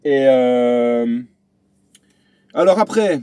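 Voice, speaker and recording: A man's voice: medium pitch, animated, very slow, dark tone, clear, resonant tone, no room sound. A man vlogging from his truck cab, chatting through a road story with many fillers and restarts. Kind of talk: casual vlog storytelling.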